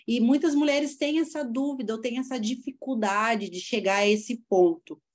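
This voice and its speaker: A woman with a voice on the high side hosts a faith podcast at normal speed, keeping the interview casual and chatty. She asks long questions and affirms her guest.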